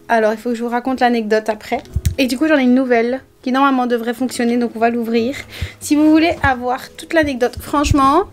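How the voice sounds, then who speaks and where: A young woman vlogging casually from her bedroom, chatty and excitable, with a sore, dry throat. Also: high-pitched. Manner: chatty, easily excited, exclaims and grumbles. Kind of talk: casual vlog chat. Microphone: camera mic.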